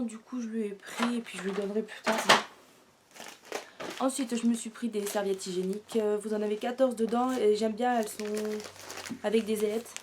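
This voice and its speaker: A young woman rambles through a casual shopping haul, chatty and full of fillers and self-corrections, sounding out of breath and congested from a sore throat. Her voice sits on the high side, and the background is noisy.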